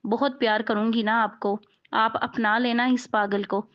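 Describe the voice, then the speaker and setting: A woman's voice: on the high side, flat delivery, measured pace, close to an everyday voice. A woman narrator voicing a devoted young woman who pleads tearfully, on a dull lo-fi recording. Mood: tender. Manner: pleading, emotional.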